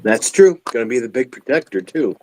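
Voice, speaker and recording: A man in his fifties joining a livestream as a guest over a video call, chatting in an easygoing way with quick laughs. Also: mid-range voice, sing-song, darkish tone, a little hiss or hum, rough recording. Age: 50s. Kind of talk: casual livestream chat.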